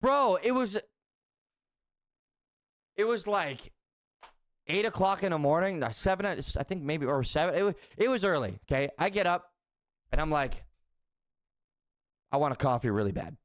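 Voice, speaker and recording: A man's voice: high-pitched, expressive, moderate pace, long pauses, no room sound, studio quality. Profane young man telling stories casually. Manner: profane, repeats phrases, laughs while telling. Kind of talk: casual storytelling chat.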